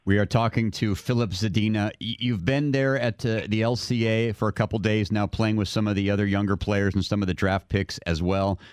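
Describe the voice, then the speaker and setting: A male radio host with a fairly low voice puts questions to a caller. He tends to stumble and repeat a word before his questions get going. The studio sound is close and dry. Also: steady tone, brisk, hardly any pauses, smooth, no echo. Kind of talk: radio interview.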